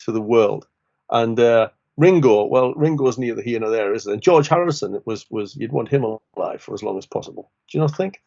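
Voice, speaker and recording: A man rambles through jokes in a casual chat over beers, restarting sentences and tacking on questions. His pitch sits in the middle range. The recording is dull and lo-fi. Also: lively intonation, brisk, vocal fry, a little mellow. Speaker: social worker podcast co-host. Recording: muffled lo-fi recording.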